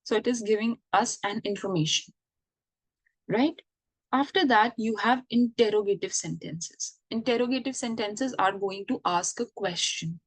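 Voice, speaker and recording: A woman's voice: medium pitch, normal speed, husky, no echo. A woman giving an online English grammar lesson, explaining patiently and checking in with the listener. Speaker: English teacher.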